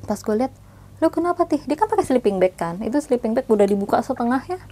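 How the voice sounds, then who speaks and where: A woman's voice: a little high, fast. Young woman telling a spooky story. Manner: slangy, hushed at times, then animated.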